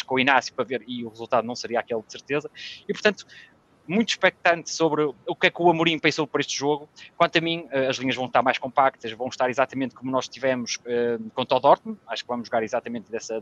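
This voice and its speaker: A man's voice: medium pitch, fairly bright tone, dry recording, muffled recording. A man with a European Portuguese accent, giving a casual football analysis as a guest commentator, laying out his points in order.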